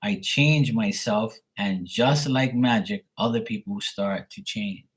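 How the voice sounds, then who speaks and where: On a live tarot reading stream, a man with a husky, fairly low voice talks casually and slowly. He's blunt and opinionated, rambling along and swearing freely.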